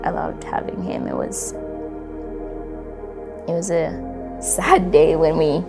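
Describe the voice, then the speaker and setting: A young woman from Congo recalls her life in a reflective, unhurried way, full of "like" and "you know." Her voice sits low with a gravelly, creaky edge. Music plays clearly underneath her. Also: expressive. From Democratic Republic of Congo. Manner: reflective, with frequent fillers and soft laughs. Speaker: interviewee. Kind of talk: personal storytelling.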